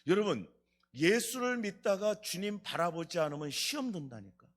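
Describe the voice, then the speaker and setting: A man's voice: high-pitched, sing-song, moderate pace, a bit bright. A man preaching a Friday night revival sermon in a church. He keeps putting questions to the congregation and acts out quotes as he goes. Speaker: pastor. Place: church sanctuary.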